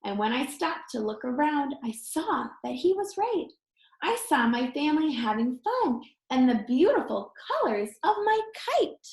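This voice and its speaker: A woman with a high, sing-song voice reads a children's picture book aloud at a measured pace, expressive like a teacher. She adds encouraging asides directly to young listeners. The sound is roomy and echoey.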